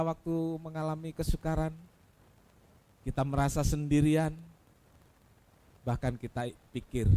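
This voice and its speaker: A pastor with an Indonesian accent preaches, calling his listeners "saudaraku." He asks rhetorical questions and swings from loud cries to soft, low asides.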